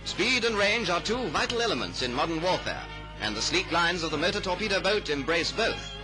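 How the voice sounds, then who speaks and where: A man with a high-pitched voice, big swings in pitch, and a slightly fast delivery narrates a 1930s newsreel, grand and patriotic in tone. The poor-quality old soundtrack is overlaid with loud music.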